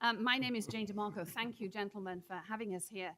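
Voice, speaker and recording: At a podium microphone in a council chamber, a middle-aged woman delivers formal public testimony as a commenter. Her big, projecting voice sits at medium pitch with a bit of brightness, measured and deliberate, pressing firmly on key points. A little hiss or hum is audible.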